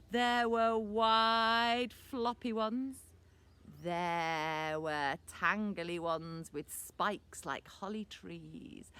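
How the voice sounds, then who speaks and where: A woman telling a children's story, lively and asking the little ones questions. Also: on the high side.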